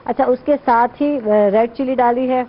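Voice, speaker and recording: A woman's voice: fairly high pitch, highs cut off, slight background noise. A woman hosting a morning show cooking segment, chatting along and affirming her guest often. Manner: chatty, affirming with frequent "theek hai". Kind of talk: live cooking segment chat.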